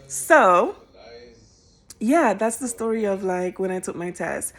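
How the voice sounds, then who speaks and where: A young woman telling a personal story to her viewers in a casual, animated, emotional way. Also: medium pitch. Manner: animated, emotional, colloquial, bursts into laughter.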